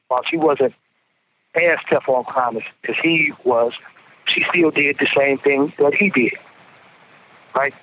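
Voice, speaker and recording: A man's voice: mid-range voice, a little hiss or hum. Earnest man on a tinny payphone call. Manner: earnest, repeats words as he restarts. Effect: payphone call over a tinny prison phone line. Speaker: incarcerated interviewee calling in. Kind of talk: casual phone interview. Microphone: prison payphone handset. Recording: tinny phone line.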